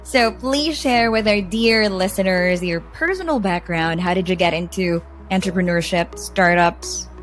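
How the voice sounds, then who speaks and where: A woman's voice: on the low side, unhurried, hardly any pauses, faint music behind. A woman hosting a startup podcast, reading a scripted intro and chatting in an upbeat way over a video call. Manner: upbeat, warm welcomes, light laughter. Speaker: podcast host. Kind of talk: scripted intro and casual interview.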